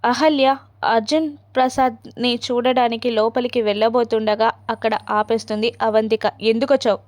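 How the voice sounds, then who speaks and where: A woman with a fairly high voice tells a serial episode scene by scene. She keeps a steady storytelling flow and reads the characters' dialogue in her own plain voice. The sound is close and dry, with no room around it. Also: no echo. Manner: retells scenes quickly, voicing each character's lines in her own voice. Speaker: serial recap narrator.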